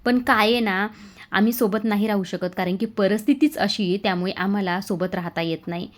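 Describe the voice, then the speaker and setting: A woman's voice: mid-range voice, fairly even intonation, a little fast, natural voice. A woman voicing a guarded, evasive young woman guest in a retold family serial. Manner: evasive, softly pointed.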